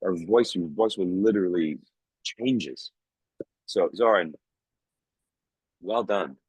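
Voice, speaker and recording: Husky deep-voiced motivational coach. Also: male voice, takes it slowly, a little mellow, no echo, low-quality recording. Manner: emphatic, heartfelt, swears for emphasis. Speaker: coach hosting a group video call. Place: home, in Vancouver. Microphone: video call.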